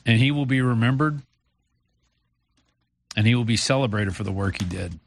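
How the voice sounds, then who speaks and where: A man's voice: mid-range voice, moderate pace, creaky. An American man hosting a talk radio show, speaking informally and reflectively in a conversational way.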